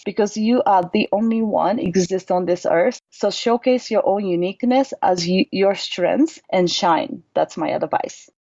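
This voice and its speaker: A Japanese-accented woman in her thirties, a mindset coach appearing as a guest, answers interview questions earnestly and reflectively in plain language. Her mid-range voice has a warm tone, and the audio is dry and slightly dull with no echo.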